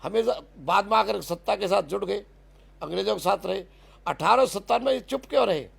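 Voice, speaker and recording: A man's voice: high-pitched, lively intonation, a little fast, gravelly, fairly bright tone, husky. A man making an impassioned spoken argument, stressing words and restarting phrases. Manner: emphatic, repeats and restarts words, lists places.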